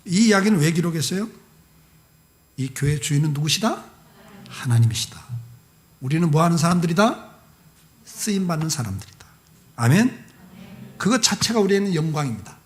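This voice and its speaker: A man preaching a sermon as a guest pastor, telling the story in a lively way, acting out dialogue and adding humorous asides. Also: fairly high pitch, moderate pace, pauses often. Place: church service.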